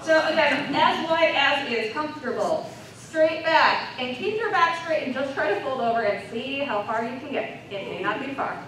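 Casting: calm female yoga instructor, bright high voice, far from the mic in a huge echoing hall, faint background hiss. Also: moderate pace. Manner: calm step-by-step cueing. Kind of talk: live class instruction. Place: large convention hall. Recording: echoey hall, distant mic.

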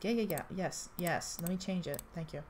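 A woman's voice: on the low side, moderate pace, darkish tone, a little hiss or hum. A woman reading a fan story aloud in a casual way, with restarts and chatty asides. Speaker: reader. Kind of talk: amateur fan-fiction read-aloud.

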